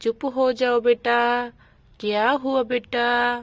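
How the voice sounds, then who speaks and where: A woman's voice: fairly high pitch, level tone, takes it slowly, no room sound. A woman voicing a concerned young father in a doll storybook, soothing and fussing over his child.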